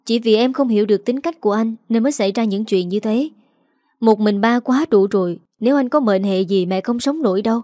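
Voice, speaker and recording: A woman's voice: fairly high pitch, a little fast, dark tone, dry recording, studio quality, natural voice. A woman voicing a remorseful young husband who speaks hesitantly and urgently. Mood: urging.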